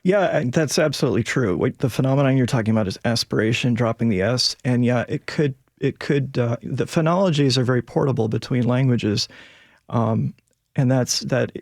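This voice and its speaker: A man's voice: medium pitch, brisk, vocal fry, darkish tone, no room sound, clean studio sound. A man with a Northern American accent, talking as an expert guest on a discussion panel and explaining things. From northern United States. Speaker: linguist guest.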